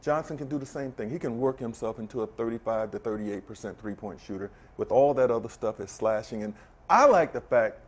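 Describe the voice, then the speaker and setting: A middle-aged man, a former player, chatting as a guest on a TV sports show, explaining his views in a measured way with examples. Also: mid-range voice. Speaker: guest, former basketball player and camp director. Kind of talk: casual studio chat. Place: TV sports studio set.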